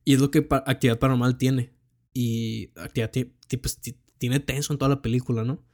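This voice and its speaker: A man's voice: medium pitch, steady tone, brisk, darkish tone. A young man with a Mexican accent, chatting casually about films with plenty of slang and swearing. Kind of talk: casual film chat.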